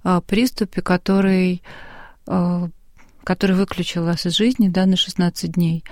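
Hesitant woman interviewer, lowish voice. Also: little pitch movement, moderate pace, a little mellow, no room sound, clean studio sound. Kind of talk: interview questions.

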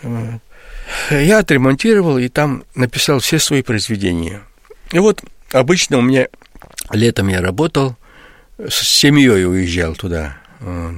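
Older man telling his story haltingly. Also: medium pitch, very animated, no room sound. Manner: halting, many fillers and restarts. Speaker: writer and guest. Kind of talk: radio interview.

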